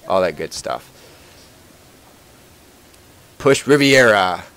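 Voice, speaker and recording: A man's voice: lowish voice, lively intonation, takes it slowly, a bit bright, clear, resonant tone. A young man hosting a casual podcast, answering listener questions in a rambling, joking way with many fillers and restarts. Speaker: podcast host.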